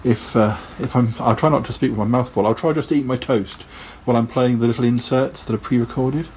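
Fairly quick and fairly even in intonation, this podcast host has a mid-range voice with a darkish tone, and a little hiss or hum sits under the recording. He rambles through casual live chat, laughing frequently.

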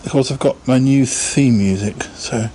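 A man's voice: mid-range voice, normal speed, mellow, slight background noise. A man hosting a casual live podcast, chatting in a rambling way and laughing often. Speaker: podcast host.

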